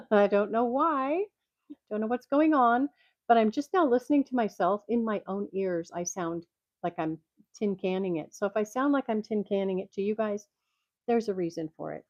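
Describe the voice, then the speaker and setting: An older woman talks in a relaxed, rambling way and laughs easily, her voice mellow and a little congested. The sound is dull and tinny, like speaking through a tin can, and very dry. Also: medium pitch, normal speed, no echo. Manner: chatty, rambling, laughs often. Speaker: vlogger reading jokes. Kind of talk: casual chat. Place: at home. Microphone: microphone clipped to her glasses.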